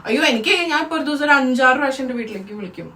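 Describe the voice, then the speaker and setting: A young Malayali woman as co-host in a casual question-and-answer chat, speaking boldly and loudly. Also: high voice, rapid-fire, a crowd in the background. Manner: bold, loud, animated. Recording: distant mic with faint noise.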